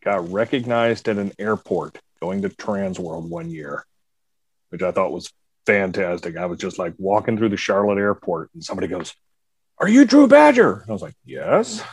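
A man's voice: fairly low pitch, breathy edge, no echo. A man co-hosting a podcast, chatting casually and steering the talk with questions. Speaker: podcast co-host. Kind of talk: casual chat.

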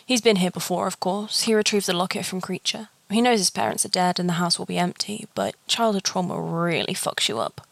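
A woman reading a fan fiction story aloud, steady and even. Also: fairly low pitch, fairly quick, vocal fry, hardly any pauses, no room sound.

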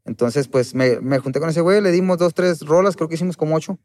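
A man's voice: a little high, quick pace, darkish tone. A man speaking casually in slangy street talk as an interview guest. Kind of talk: casual chat.

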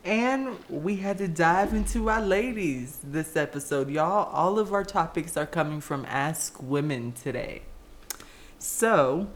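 A woman co-hosting a podcast in casual chat, blunt, profane and quick to laugh. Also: deep voice. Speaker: podcast co-host.

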